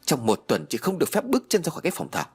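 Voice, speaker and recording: A man voicing a harsh, domineering old mother-in-law who scolds and shouts in an audiobook. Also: mid-range voice, big pitch swings, quick pace, breathy edge. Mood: furious scolding. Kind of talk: audiobook character voice.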